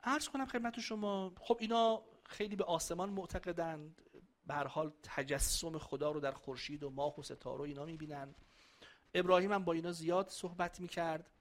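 A man's voice: on the high side, fairly even intonation. A man giving a religious lecture to a live audience, chatting and joking with them and reciting Arabic verses.

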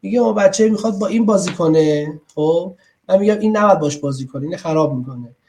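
A man with a somewhat high but warm, soft-toned voice teaches a parenting class online, speaking into a computer mic. He talks in a chatty, explanatory manner and keeps asking his listeners questions to check they are following. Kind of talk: online lecture.

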